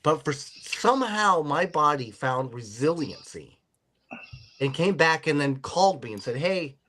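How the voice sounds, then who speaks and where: A man hosting a podcast, telling his own story in a casual, animated way. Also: fairly high pitch, normal speed. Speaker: podcast host. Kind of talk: casual chat.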